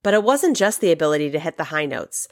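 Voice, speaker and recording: A woman's voice: low-pitched, big pitch swings, quick pace. A woman hosting a podcast, reading scripted narration in an upbeat, welcoming show-host manner.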